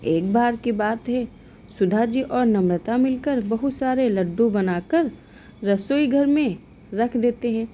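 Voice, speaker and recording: Woman storyteller, calm scripted narration, slow and mellow. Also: on the high side, slight background noise.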